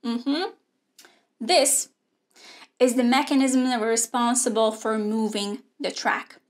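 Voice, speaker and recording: A young woman teaches an online robotics lesson from a studio. She speaks slowly and clearly, at a slightly high pitch, and explains each part step by step. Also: steady tone. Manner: clear, measured explaining with hand gestures. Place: indoor studio with a grey backdrop.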